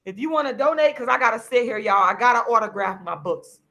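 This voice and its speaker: Seated at home signing books, a vlogger and activist in her forties rants heatedly to the camera in a hoarse, high voice full of gravel and vocal fry. She talks quickly with lively intonation, her sharp, bright tone turning preachy as she repeats her points and sometimes breaks into shouts.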